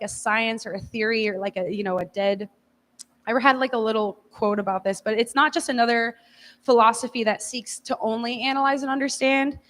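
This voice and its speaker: A woman giving an informal lecture to a class in a casual, hedging way, speaking in a large echoey room. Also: fairly high pitch. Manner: casual, hedging, often says like. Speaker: teacher leading a class. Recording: echoey hall, long reverb.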